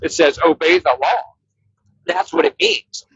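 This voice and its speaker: A man on a cheap headset that leaves his voice thin, tinny and stripped of bass, close and dry with no room around it. He speaks a little high, with lively swings in pitch and a gravelly, husky edge. In an online debate he presses his point and leans on scripture. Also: measured pace, no echo. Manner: insistent, cites scripture, breaks in to interrupt. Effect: thin tinny headset audio with no bass, like a walkie-talkie. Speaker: debate participant. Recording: dull lo-fi headset line.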